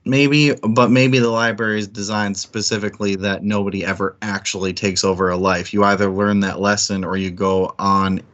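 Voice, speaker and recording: This man, a co-host on a book club livestream, chats casually about books, rambling and thinking aloud. His voice is on the low side with little pitch movement, normal speed, and few pauses; it sounds a bit bright, though the highs are cut off.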